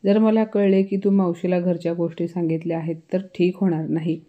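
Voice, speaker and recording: A woman's voice: fairly low pitch, little pitch movement, brisk, narrow, tinny audio, natural voice. A woman voicing a wary, bossy young daughter. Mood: insistent.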